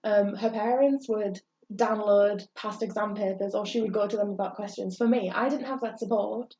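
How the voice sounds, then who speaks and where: Warm and steady, at normal speed and mid-range pitch, a young woman from England shares her personal story as a podcast co-host. Her candid, earnest chat rambles with many hesitations, and the audio sounds roomy, distant, and dull, with faint hiss.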